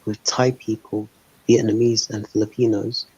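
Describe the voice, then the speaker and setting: Man, panel host, husky, low-ish voice, rambling with fillers, muffled lo-fi call. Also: little pitch movement, moderate pace, a little mellow, dry recording. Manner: rambling, heavy use of "like" and "um". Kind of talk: casual online panel discussion. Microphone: voice call over a live stream. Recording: dull lo-fi stream call audio.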